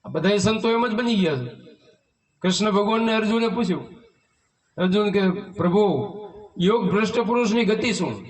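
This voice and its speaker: A man preaches a devotional sermon in a notably high voice, keeping his listeners engaged with rhetorical questions and chanted hymn lines. He sits some way from the mic, so he sounds distant. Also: expressive, normal speed, pauses often. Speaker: spiritual teacher leading a satsang. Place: devotee's home in a village. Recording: voice from far off the mic.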